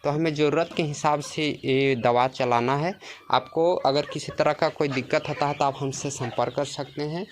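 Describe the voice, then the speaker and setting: Showing listeners around his shed, a poultry farmer speaks at a normal speed in a fairly high, steady voice, mixing in relaxed tips and regular check-ins. "है ना" and "देखिए" recur throughout, with clucking chickens and slight noise behind him.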